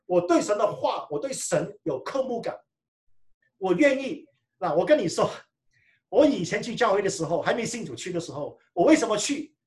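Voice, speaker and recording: A man preaching a sermon and telling his own testimony with animated storytelling, often restarting his phrases. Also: sits high, moderate pace. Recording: echoey room, mic far off.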